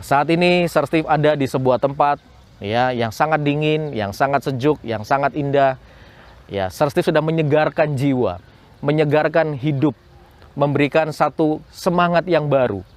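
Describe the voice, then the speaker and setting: A man's voice: mid-range voice, normal speed, a little mellow. A man giving a morning devotion to schoolchildren, repeating lines and asking rhetorical questions. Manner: repetitive, rhetorical questions, preachy. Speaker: school chaplain. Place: cool outdoor spot.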